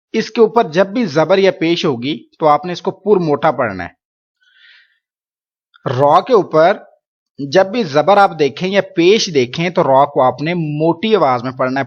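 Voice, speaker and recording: A patient male teacher leads a Quran reading lesson in a somewhat high voice. He explains the rules, then slowly draws out each syllable so learners can repeat after him. The recording is dull and lo-fi.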